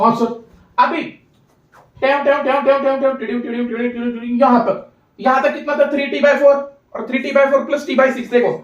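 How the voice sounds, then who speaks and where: High-voiced male physics teacher drilling students. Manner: coaxing, drilling students with quick questions. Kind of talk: classroom lecture. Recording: echoey room from a distant, dull mic.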